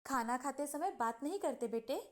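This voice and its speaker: A bossy old mother-in-law in a cartoon tale, put on by a woman narrator. She scolds sharply in a high voice over soft music. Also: animated, normal speed. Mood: scolding.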